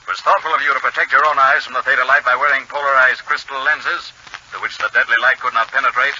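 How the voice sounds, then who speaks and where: An actor playing a mocking, relentless invisible avenger in a theatrical, menacing 1940s radio drama style. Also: male voice, medium pitch, steady tone, fast, sharp tone. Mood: cold accusation. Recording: muffled, hissy 1940s radio recording.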